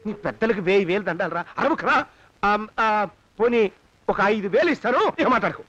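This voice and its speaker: A man's voice: sits high, expressive, brisk, fairly bright tone, dull audio. An actor playing a stingy old male miser who grumbles, haggles and curses under his breath, in a comic film. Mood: grumbling. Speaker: miserly moneylender.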